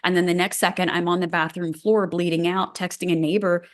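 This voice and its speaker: Lively, emphatic woman guest, lowish voice. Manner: animated, quick, emphatic. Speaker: guest functional medicine doctor. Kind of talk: energetic storytelling interview talk.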